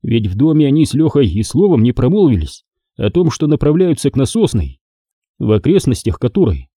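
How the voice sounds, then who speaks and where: Dark-voiced male audiobook narrator. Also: medium pitch, breathy edge, no room sound, clean studio sound. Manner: expressive, lively storytelling.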